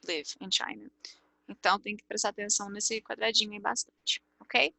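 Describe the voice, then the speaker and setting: A woman's voice: mid-range voice, steady tone, moderate pace, vocal fry, sharp tone, no echo. A Brazilian woman teaching English grammar in an online lesson, explaining step by step and often checking with "ok?". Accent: Brazilian Portuguese.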